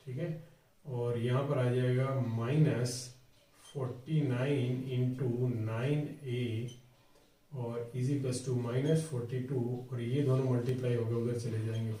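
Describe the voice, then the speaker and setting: Slow man teaching math in an echoey room. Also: medium pitch, dark tone, distant mic. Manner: talks through each step, asking and answering his own questions. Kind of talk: board exam math tutorial.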